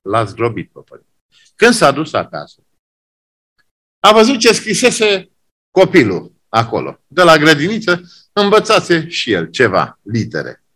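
A man preaching a sermon, swinging between loud exclamations and hushed emphasis, repeating key phrases. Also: a little high, huge pitch swings, pauses often.

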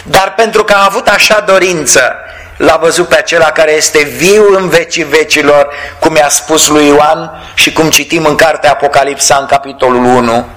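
A man preaching a sermon in a fervent, exclamatory way, drawing out key words slowly for weight. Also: a little high, a bit bright, low-quality recording.

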